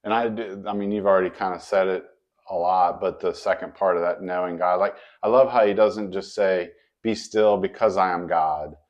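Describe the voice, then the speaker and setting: Earnest, low-voiced man podcast co-host. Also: normal speed. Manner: earnest and animated, acting out quoted dialogue.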